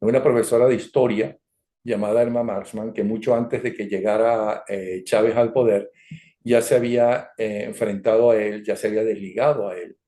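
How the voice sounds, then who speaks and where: A man's voice: fairly low pitch, steady tone, normal speed, warm tone. An older man with a Venezuelan accent hosting an interview, asking leading questions and drifting into history asides with tag questions like "no?". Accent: Venezuelan Spanish. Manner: digressive, leading questions, frequent "¿ok?" and "¿no?" tags. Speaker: interview host. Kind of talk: conversational interview. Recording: roomy echo.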